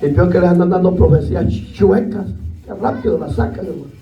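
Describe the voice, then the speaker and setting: A man preaching a sermon as pastor, impassioned and often bursting into shouts. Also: high voice, brisk, muffled recording. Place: church. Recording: echoey church hall, distant mic, faint music.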